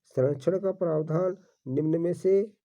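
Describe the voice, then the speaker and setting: A man with a fairly high-pitched, warm voice teaches exam-prep questions at an unhurried pace. He reads each question aloud, repeats the answer, and addresses viewers as his friends. The recording is dull and lo-fi.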